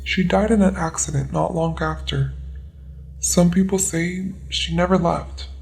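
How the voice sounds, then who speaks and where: A man playing a supervisor recounting a local ghost legend in a scripted story, with a gravelly voice. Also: high voice, level tone, unhurried.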